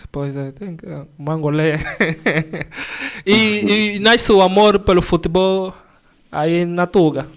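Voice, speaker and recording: A man with a high-pitched, clean-toned voice speaks slowly while hosting a sports interview show as a news show host. He is friendly, laughs often and uses slang.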